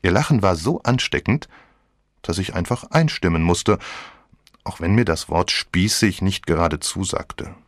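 A man reading a novel aloud as first-person narrator, in a measured, expressive storytelling manner. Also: low voice, no room sound, studio quality. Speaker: audiobook narrator.

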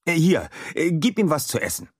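A man voicing a kindly, excitable scientist and inventor who speaks in bubbly, excited bursts in a storybook reading. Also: on the high side, normal speed, slightly rough, no echo, studio quality, pitched above the performer's own voice. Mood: cheerful. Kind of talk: storybook character voice.

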